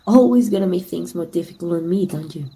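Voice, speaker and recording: A Mexican woman plays a tender, teasing female villain in an intimate ASMR roleplay. Her natural voice sits fairly low and comes out soft and breathy, with some whispering.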